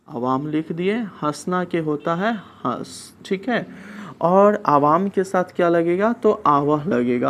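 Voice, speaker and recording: A man's voice: fairly high pitch, slight background noise. A man teaching a lesson, patiently posing questions and answering them himself. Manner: slow, patient, asks and answers his own questions. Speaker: Sanskrit teacher. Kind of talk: classroom lesson explaining translation.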